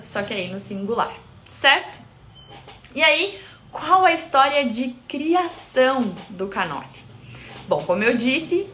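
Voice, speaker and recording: A Brazilian woman speaking in a Brazilian Portuguese accent, talking straight to her viewers. She runs a sweets shop and explains things in a chatty, emphatic way. Her voice sits at an ordinary middle pitch for a woman. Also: pushed and bright. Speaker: confectionery owner. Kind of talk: casual explanatory vlog.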